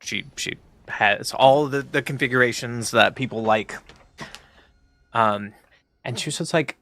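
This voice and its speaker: Young male streamer, gravelly, casual profane banter while playing. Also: mid-range voice, measured pace, a bit bright. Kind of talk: casual gaming stream chat.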